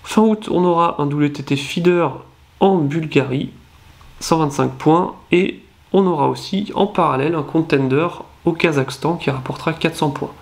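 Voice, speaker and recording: Nasal from a cold, a young man from France reads out rankings on the channel he hosts, stumbling casually through fillers and self-corrections. His voice is on the high side and gravelly, at a moderate pace.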